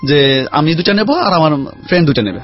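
A man telling a lively story about his life as a guest in a casual chat. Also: fairly high pitch, fast talker. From Khulna region, Bangladesh. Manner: lively anecdotal storyteller, chatty. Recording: dull lo-fi sound with faint music.

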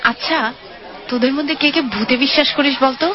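Actress as a skeptical, high-voiced young woman. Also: fairly even intonation, fast, crowd noise, lightly acted. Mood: teasing, tired. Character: skeptical, outspoken young woman suspecting a conspiracy. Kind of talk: audio drama dialogue. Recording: muffled lo-fi, music behind.

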